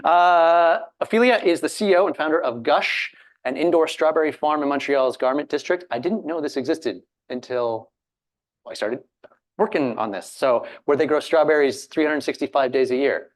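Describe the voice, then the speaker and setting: A man's voice: a little high, normal speed. A man from Alberta moderating a panel discussion in a loose, chatty way, with frequent fillers, restarts and self-deprecating asides. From Alberta, Canada.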